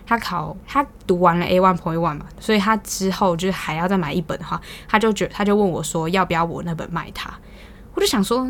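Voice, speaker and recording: A woman's voice: on the low side, a little hiss or hum. A young woman with a Taiwanese Mandarin accent, hosting a podcast and telling a story in casual, exasperated venting, swearing now and then. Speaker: podcast host.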